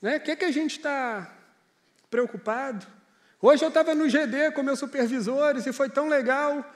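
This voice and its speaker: A male pastor preaches in an earnest, chatty way, telling stories to his listeners. His voice sits very high for a man. It rings out with the long reverb of a church hall. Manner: earnest, conversational storytelling. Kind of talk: sermon.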